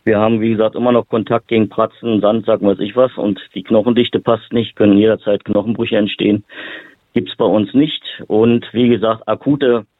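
A man from Berlin talks as an interview guest about his therapy work. His voice sits low and comes through thin and phone-like with no room sound. His sentences run on, broken by fillers and restarts. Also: fairly even intonation, normal speed, no echo. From Berlin, Germany. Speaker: boxing therapist and lecturer. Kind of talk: interview guest, casual explaining. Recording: tinny phone-line audio.

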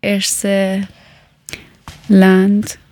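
A young woman born in Iran to an Afghan family, speaking in hesitant learner's German and often pausing to search for words. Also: medium pitch, completely flat delivery, darkish tone, slight background noise. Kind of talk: casual conversation, learner German.

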